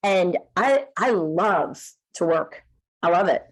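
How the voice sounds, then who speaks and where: A woman guest, a media expert, chatting in an interview with a lively, laughing manner and quick restarts. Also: on the low side, low-quality recording. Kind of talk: casual interview chat.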